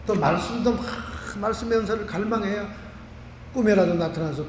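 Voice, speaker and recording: A Korean man, a pastor, preaching a lively sermon full of homely examples. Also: high voice, brisk, a little hiss or hum. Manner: animated preaching with vivid everyday examples. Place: church sanctuary. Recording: roomy church hall from a distance.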